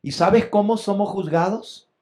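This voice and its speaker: A man preaching a sermon as pastor, swelling with emphasis and rising loud on key points. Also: sits high, a little slow.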